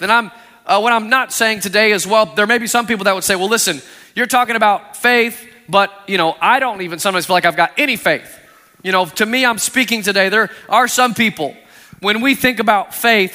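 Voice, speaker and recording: A man's voice: sits high, sharp tone. A man preaching a sermon in an earnest, conversational way, quoting scripture to his congregation. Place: church sanctuary. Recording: long reverb of a church hall.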